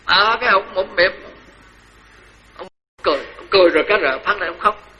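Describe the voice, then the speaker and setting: An older man with a Southern Vietnamese accent, a senior Buddhist monk giving a lively, joking dharma talk that repeats phrases for emphasis. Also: high-pitched, fast talker, highs cut off, slight background noise.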